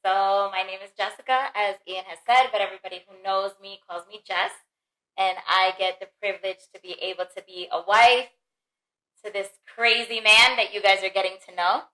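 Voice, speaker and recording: A woman's voice: medium pitch, steady tone, moderate pace, sharp tone. A woman on a family podcast, speaking earnestly and reflectively in casual, heartfelt talk. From the Bronx, New York. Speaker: mother and podcast guest. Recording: roomy echo.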